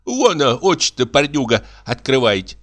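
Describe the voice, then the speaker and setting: A man's voice: mid-range voice, very animated, normal speed, a bit bright, voice pushed up. A man voicing a fussy, meddling old village woman in an audiobook, lamenting in a folksy drawl.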